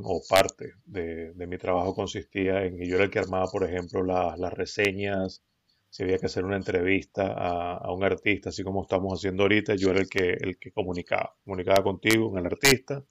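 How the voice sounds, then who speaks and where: A middle-aged man with a Venezuelan accent, telling his story as a podcast guest in a relaxed, rambling way with many fillers and restarts. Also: low voice, slight background noise. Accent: Venezuelan Spanish. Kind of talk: casual conversational storytelling. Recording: dull lo-fi recording.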